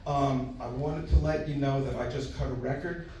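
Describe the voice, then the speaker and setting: A man's voice: mid-range voice, steady tone, normal speed. An older man doing brash, profane, kvetching Borscht Belt stand-up. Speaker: stand-up comedian. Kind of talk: Borscht Belt stand-up, telling jokes to a crowd. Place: echoey live venue with an audience. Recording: very echoey noisy room, distant mic.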